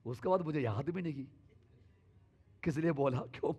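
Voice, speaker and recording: A male pastor preaching a sermon in a church, shifting between sudden loud calls and soft asides. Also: a little high, moderate pace, breathy edge.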